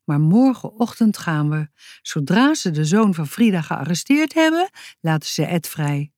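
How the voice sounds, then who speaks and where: A woman voicing a calm, matter-of-fact girl in a children's audiobook. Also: on the low side, a little slow, no echo, studio quality.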